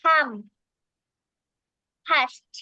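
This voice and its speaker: A student reading a list of words slowly and haltingly, one at a time. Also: dry recording, muffled recording.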